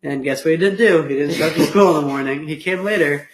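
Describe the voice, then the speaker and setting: A man's voice: fairly high pitch, quick pace, roomy sound, a little hiss or hum, low-quality recording. A teenage boy co-hosting a podcast, chatting casually and teasing his friend, with lots of "um" and "like". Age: teens. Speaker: podcast co-host. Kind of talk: casual chat.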